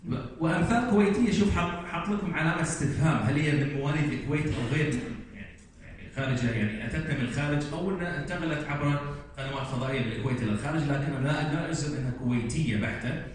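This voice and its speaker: A man's voice: on the high side, rapid-fire. A man with a Kuwaiti Arabic accent presenting at an academic conference, explaining and reciting example after example, recorded from a distance in a large hall. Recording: echoey hall, distant mic, faint room noise.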